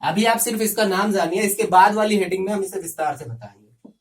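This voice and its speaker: A man teaching a physics lesson step by step, often pausing to check in with his students. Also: high-pitched, recorded from a distance. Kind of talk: classroom lecture.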